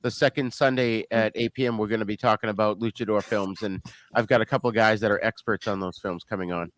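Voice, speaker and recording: A man's voice: on the low side, fairly even intonation, fast talker, fairly bright tone, no echo. A man chatting casually as a guest on a talk show. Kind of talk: casual chat.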